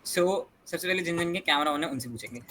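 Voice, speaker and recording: A man's voice: fairly high pitch, brisk, fairly bright tone, slight background noise. A young man hosting an online workshop over a video call, chatting casually in Hindi and English and teasing participants to speak up. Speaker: workshop host.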